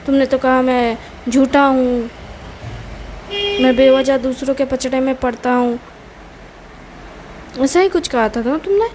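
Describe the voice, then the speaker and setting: A woman's voice: high-pitched, a little slow, pauses often, background noise. A woman voicing a young man, the hero's nosy, talkative friend, who needles and wheedles. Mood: needling.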